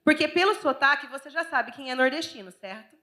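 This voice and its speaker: A Brazilian woman pastor preaching a sermon in a chatty, candid and expressive way, with a Brazilian accent. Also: high voice, brisk. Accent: Brazilian Portuguese. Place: church.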